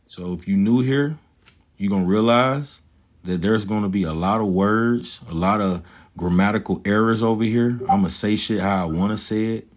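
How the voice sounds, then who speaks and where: A swaggering man with a low voice talks about stocks at a moderate pace during a casual livestream. He is profane and slangy, speaking directly to his chat as a stock market livestreamer.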